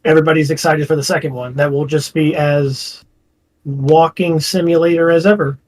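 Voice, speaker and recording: Male co-host, slightly high pitch, lively storyteller who acts out quotes and swears freely. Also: moderate pace, rough recording. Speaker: podcast co-host. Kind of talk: casual podcast chat.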